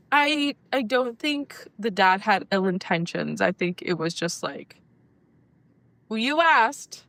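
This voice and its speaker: A woman's voice: mid-range voice, a bit bright, no echo. A woman in her twenties co-hosting a podcast, chatting casually and thinking aloud hesitantly. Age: 20s. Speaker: podcast co-host. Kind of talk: casual chat.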